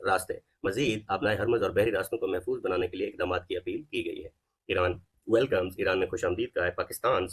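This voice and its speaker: Male vocabulary teacher with a Pakistani Urdu accent, rapid delivery, defines words and asks what they mean. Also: low voice, husky. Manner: explains each word, then asks what it means. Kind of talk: vocabulary lesson.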